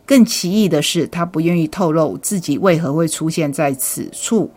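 Low-voiced woman recommending books. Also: normal speed, a little mellow. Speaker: book presenter. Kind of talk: book recommendation talk.

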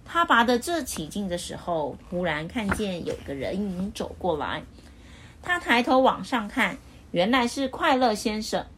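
A woman reading a children's picture book aloud as storyteller, with expressive, lively delivery. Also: medium pitch, a little slow, slight background noise.

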